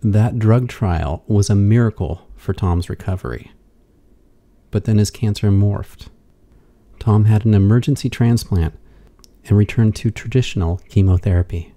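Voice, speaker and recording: A man reading scripted documentary narration in a measured, unhurried way. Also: lowish voice, mellow.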